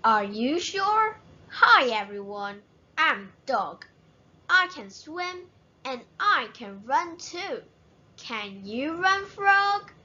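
A woman voicing a confident, bragging dog from a storybook in a high, bright voice. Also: very animated, drawn-out words, highs cut off, exaggerated voice.

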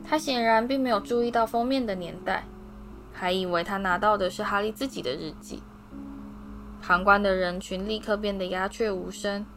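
A woman narrating a fantasy novel as an audiobook reader, in a steady, expressive reading voice. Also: medium pitch, moderate pace, faint music behind. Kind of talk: storybook narration.

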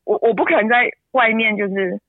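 A woman's voice: fairly even intonation, a little fast, no room sound. A woman pours out an emotional story. Her voice breaks and leaps upward when she gets upset. She sounds close and dry, squeezed through a narrow phone line. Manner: tearful, pitch jumps high when upset. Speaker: interview guest, mother. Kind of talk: emotional personal account.

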